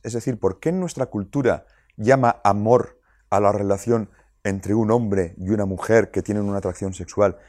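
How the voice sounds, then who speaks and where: A man explaining child rearing to parents in a lively way, asking rhetorical questions and acting out quotes. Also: fairly low pitch, dry recording, studio quality.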